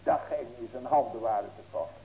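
Here the same kind of preacher, a man in his sixties, delivers an earnest, folksy sermon full of rhetorical questions and ringing, emphatic cries. His mid-range voice is mellow and brisk, though the audio sounds dull.

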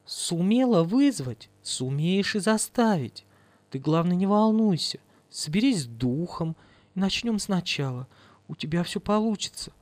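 A man voicing a scheming woman desperate for money, pleading in a wheedling, high-pitched voice. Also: no room sound.

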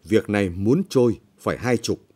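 A man's voice: fairly low pitch, normal speed, darkish tone, slightly rough. A man voicing a bullying, greedy village official who talks down harshly and scornfully. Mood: greedy, contemptuous.

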